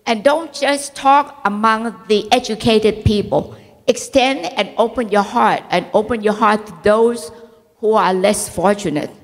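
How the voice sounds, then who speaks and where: A woman's voice: mid-range voice, measured pace. A woman in her sixties in the audience, speaking earnestly into a handheld mic, pleading and hesitating with fillers as she talks. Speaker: audience member. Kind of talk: impassioned public comment. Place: large dark conference hall, among the audience. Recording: hall reverb.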